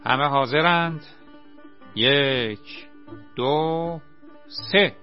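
A man voicing a bossy, frowning young amateur play director who speaks gruffly. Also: medium pitch, steady tone, lo-fi sound, soft background music, close to an everyday voice. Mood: commanding. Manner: commanding, gruff.

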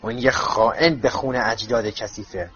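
A man voicing a bitter, ancient male house-elf servant who mutters insults in a croaking voice, on dull lo-fi audio. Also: medium pitch, fairly even intonation, a bit bright, lightly acted. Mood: grumbling. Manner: grumbling insults under his breath.

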